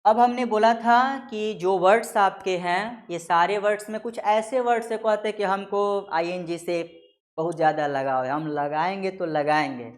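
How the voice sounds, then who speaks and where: A man giving a grammar lesson, explaining slowly, repeating key words and reading out example sentences word by word. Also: sits high. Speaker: grammar teacher. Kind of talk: classroom lecture.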